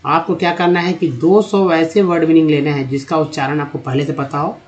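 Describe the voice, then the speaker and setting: Man, English reading teacher, slightly high-pitched, slow repeated vowel sounds, friendly address to viewers. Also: steady tone, lo-fi sound. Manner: slow, drawn-out spelling and sounding of words. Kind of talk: Hindi-language phonics lesson.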